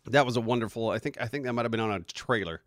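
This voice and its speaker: This is a man co-hosting a podcast, chatting casually with friends. He tells stories animatedly and breaks into loud laughs. His voice is recorded close and dry. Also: medium pitch, racing, no room sound. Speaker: podcast co-host. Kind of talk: casual group chat.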